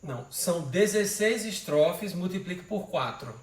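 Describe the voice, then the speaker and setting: A man's voice: high voice, expressive, normal speed. A male literature teacher giving an informal poetry lesson, patiently splitting verses into syllables and counting them aloud. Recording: roomy sound, mic at a distance, faint noise.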